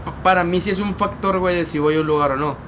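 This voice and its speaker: A man's voice: sits high, quick pace, noisy background. A young man, telling a street story in a casual podcast chat, full of slang and repeated words. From Mexico. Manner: slangy, repeats words and tags lines with "güey". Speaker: podcast co-host.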